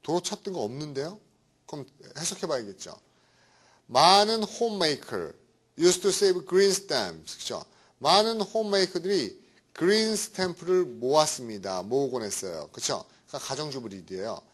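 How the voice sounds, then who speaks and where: Lively, chatty male vocabulary lecturer. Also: a little high, moderate pace. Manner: chatty, keeps asking "right?". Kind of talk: classroom lecture.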